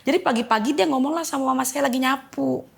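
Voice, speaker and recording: A young woman tells her story emotionally, slipping into the voices of the people in it. Her voice sits fairly high, with a gravelly fry and a husky edge. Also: fast. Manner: emotional, vivid retelling that acts out quoted dialogue. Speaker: testimony guest. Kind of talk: personal testimony, storytelling.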